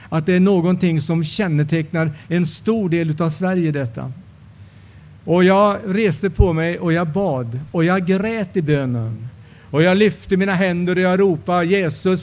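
A man's voice: fairly high pitch, darkish tone. A male preacher giving a sermon testimony, telling the story and acting out the dialogue.

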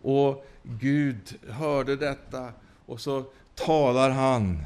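A man preaching a sermon and giving his own testimony. He speaks haltingly, with many fillers and restarts, and breaks out in hallelujahs. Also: mid-range voice, darkish tone, clear, resonant tone.

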